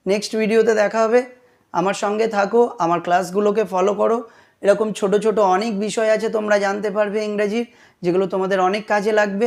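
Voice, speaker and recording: A man teaching an English grammar lesson, repeating each rule slowly and often checking that students follow. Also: high voice, creaky, darkish tone.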